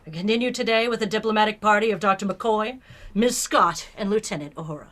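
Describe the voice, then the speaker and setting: A woman playing a principled, composed female starship captain in a sci-fi fan audio drama, speaking in a measured, formal way. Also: mid-range voice, heavy background noise, lightly acted. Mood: formal, reflective.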